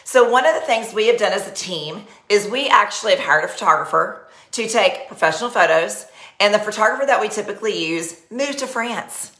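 This animated Texan host speaks fairly quickly in a mid-range, fairly bright voice with a Texas accent, and the room is echoey. She's bubbly and chatty, talks with her hands, and is running a live-streamed sales party. The setting is a small decorated home office, with sound captured by a webcam at her desk.

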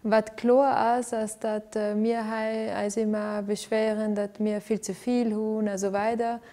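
Speaking at a measured pace with a mellow, medium-pitched voice that barely moves in pitch, this woman is being interviewed in a living room lit for filming. She is an arts director from Venezuela, and her answers are full of fillers and restarts.

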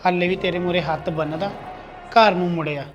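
A man's voice: high-pitched, fairly even intonation, a little fast, muffled recording, natural voice. A man playing a loyal, protective younger brother-in-law in a family drama, earnest and lecturing. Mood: pleading. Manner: earnest, lecturing, threatening when angered.

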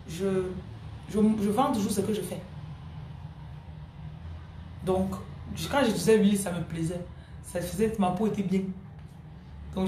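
A woman spiritual coach preaches in a live stream, hammering home key phrases and greeting viewers by name. Her voice is mellow and dark, and it carries a roomy echo with a faint hiss underneath. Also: medium pitch. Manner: emphatic, repeats key phrases; answers viewer comments by name.

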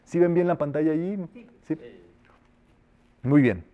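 A man teaching a metaphysics class, urging listeners on in a colloquial way and slowly intoning spoken decrees. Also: a little high, phone-quality sound. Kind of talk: spiritual class leading group decrees.

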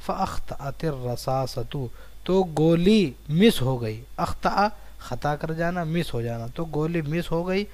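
Man slowly teaching Arabic words. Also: on the high side, lively intonation, a little mellow. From India. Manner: reads Arabic words slowly, then glosses and repeats them. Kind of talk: Urdu lesson explaining an Arabic text.

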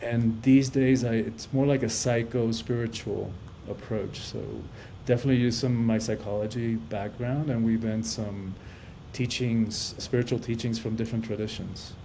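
Speaking at a moderate pace in a mellow, mid-range voice with fairly even intonation, this Cuban man in his fifties appears as a guest on a video-call podcast, recorded in a room at home with slight background noise. The life coach and author is earnest and reflective in the casual interview, often repeating words as he works through his thoughts.

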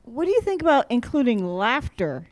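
A woman's voice: a little high, very animated, normal speed, a little mellow. A woman in a church children's message, chatty and encouraging, leading the group in prayer. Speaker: prayer leader.

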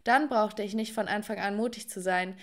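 A woman's voice: mid-range voice, moderate pace. A young woman narrating a scripted first-person story and talking straight to viewers.

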